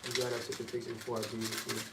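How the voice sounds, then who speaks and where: A man's voice: medium pitch, monotone, racing. A man chatting casually and candidly to himself in a loose, rambling, slangy way, like a vlogger. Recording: distant mic in echoey, noisy room.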